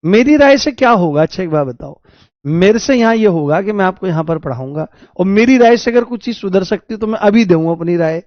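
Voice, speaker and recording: Man teaching law, high voice, repeats key terms, dry muffled sound. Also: expressive, a little fast, dry recording. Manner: repetitive, drills terms, jokes with students. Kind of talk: exam coaching lecture.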